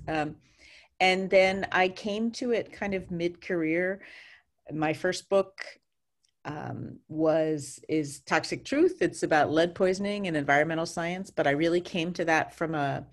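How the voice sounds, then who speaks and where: A middle-aged woman with a notably low voice for a woman, speaking as a guest on an interview podcast. She is thoughtful and measured, with occasional ums. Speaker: guest, science journalist and author.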